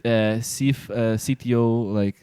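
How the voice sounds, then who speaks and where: A man co-hosting a casual podcast, telling stories with halting starts and fillers. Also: medium pitch, steady tone, warm tone, smooth, no echo. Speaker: podcast co-host.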